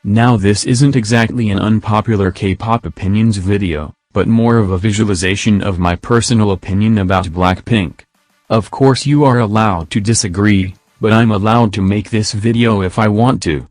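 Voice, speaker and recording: Male robot text-to-speech voice, deep-ish, dry, steady and flat. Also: moderate pace, no room sound, faint music behind. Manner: flat, evenly paced machine reading. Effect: synthetic robot text-to-speech voice. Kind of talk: scripted opinion commentary.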